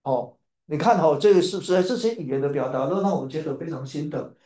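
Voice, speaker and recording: A man from Taiwan preaching a sermon, telling a family story in an animated way and repeating his phrases. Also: a little high, fast, reverberant.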